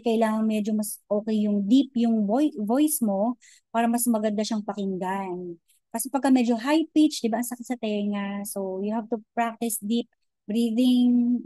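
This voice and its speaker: Woman lecturing online, dark warm voice, chatty taglish, lots of okay? and um. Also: a little high, dry recording, rough recording. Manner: chatty Taglish, frequent "okay?" and "di ba?" check-ins; many hesitations and restarts.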